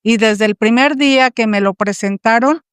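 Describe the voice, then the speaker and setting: Mexican woman, 60s, smooth and fairly high voice, earnest testimony guest. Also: moderate pace, dry recording, studio quality. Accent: Mexican Spanish. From Tampico, Mexico. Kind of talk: personal testimony.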